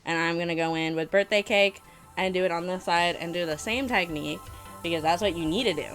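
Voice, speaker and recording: With background music playing, a makeup vlogger chats casually through reactions and tutorial tips, blunt, sassy and ready to poke fun at herself. Her voice is fairly low in pitch, brisk and fairly bright in tone.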